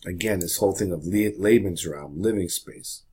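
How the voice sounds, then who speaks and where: Man, history teacher, lecturing, husky voice, fairly low pitch, casual and chatty. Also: normal speed, darkish tone. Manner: casual, chatty, checks in with students. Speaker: high school history teacher. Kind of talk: classroom lecture.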